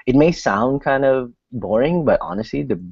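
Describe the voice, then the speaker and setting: A man from Sri Lanka co-hosts a travel podcast, chatting casually and laughing between phrases. His mid-range voice is expressive, creaky, husky, and darkish, at a moderate pace. The podcast audio is dry, muffled, and lo-fi, with no room sound.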